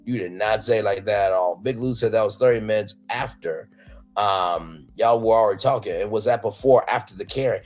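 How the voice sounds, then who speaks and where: A man co-hosting a casual chat that recaps a reality show. He swings between low mutters and loud, high exclamations. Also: fairly quick. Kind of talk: casual gossip chat with impressions.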